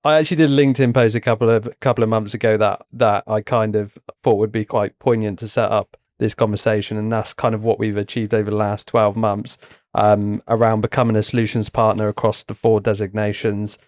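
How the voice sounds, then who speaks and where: Flat-voiced man hosting. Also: fairly low pitch, a little fast, dry recording. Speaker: podcast host. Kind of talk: casual chat, steering the topic.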